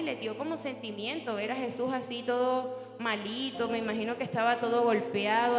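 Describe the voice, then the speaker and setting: A woman preaches a sermon, earnest and conversational, putting questions to her listeners. Her voice sits fairly high and rings through a church hall with a long reverb. Music plays behind her.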